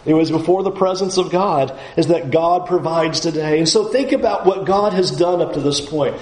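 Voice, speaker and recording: A man preaching an expository sermon, animated and acting out the people's complaints. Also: a little high, moderate pace. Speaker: pastor. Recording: roomy echo, faint background noise.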